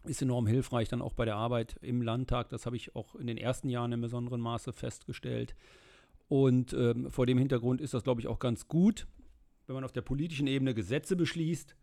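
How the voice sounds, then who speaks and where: A middle-aged man from the Rhineland talks in a casual interview. His voice is gravelly and mid-pitched. He answers at length in a steady way, dotted with filler sounds. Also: fairly quick. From Germany, Rhineland. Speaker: interview guest, state politician.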